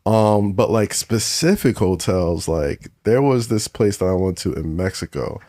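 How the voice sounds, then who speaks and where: A man's voice: on the low side, expressive, a little slow, dark tone, dry recording, studio quality. A man talking as a podcast guest in casual chat, laid-back and slangy, laughing often.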